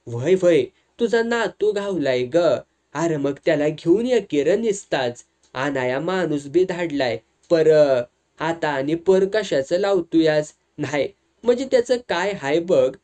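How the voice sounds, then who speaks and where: A man's voice: a little high, lively intonation, a little slow, a little mellow. Stubborn village headman father, middle-aged, ringing firm voice, played by the storyteller.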